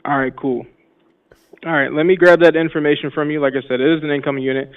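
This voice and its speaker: A man's voice: a little high, steady tone, quick pace, clean tone. A man working as a car salesperson on a casual phone call, friendly and informal, rambling and repeating himself, heard through lo-fi phone audio.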